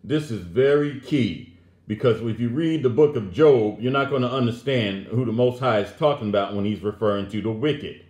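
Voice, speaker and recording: A man's voice: medium pitch, moderate pace, a little mellow, reverberant. A man teaching a Bible lesson, emphatically reading scripture aloud and commenting on it as he goes. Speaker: religious teacher.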